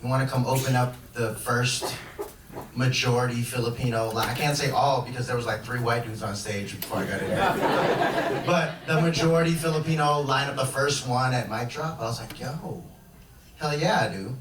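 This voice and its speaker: On a club stage in front of a laughing crowd, a young man from Chicago delivers a loose stand-up routine full of restarts. He talks at normal speed with a medium pitch, and the distant, echoey recording carries background noise.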